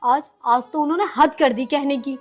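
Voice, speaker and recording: An actress playing a patient, pleading young daughter-in-law in a village film drama. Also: female voice, sits high, fairly even intonation, moderate pace, soft background music, close to an everyday voice. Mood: hurt. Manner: pleading, long-suffering.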